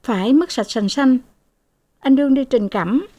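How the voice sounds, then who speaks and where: A tearful, ashamed young wife pleads in a raised, high voice, as a woman reader voices her. The tone is dark and mellow, and the delivery stays anxious and quick to break. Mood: worried.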